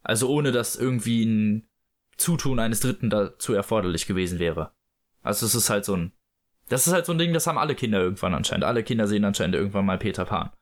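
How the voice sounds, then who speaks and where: Speaking fast with lively intonation, this fairly low-voiced man hosts a casual book chat and read-aloud. His retelling of the story is loose and packed with fillers.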